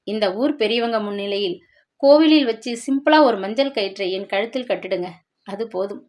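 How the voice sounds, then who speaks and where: A woman voicing a devoted young woman teacher who speaks gently and earnestly, in a dramatic story reading. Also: mid-range voice, normal speed, close to an everyday voice.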